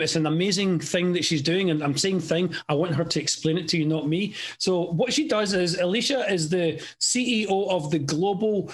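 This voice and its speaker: High-voiced enthusiastic man hosting. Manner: enthusiastic, halting, many restarts. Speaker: interview host. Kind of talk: video call interview.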